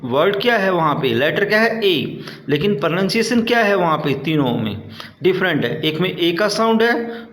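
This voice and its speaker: A man teaches an online class. He reads English lines at an unhurried pace and then explains them, asking questions and answering them himself. His voice sits high and rings in an echoey room. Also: fairly bright tone.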